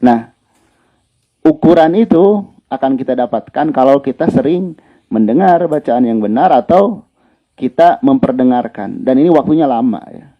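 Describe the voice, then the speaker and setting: A man teaches Quran recitation in a relaxed, conversational lesson. His voice is mid-pitched, and he circles back to repeat his points. The recording is dull and lo-fi. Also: moderate pace, pauses often. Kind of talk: religious lesson.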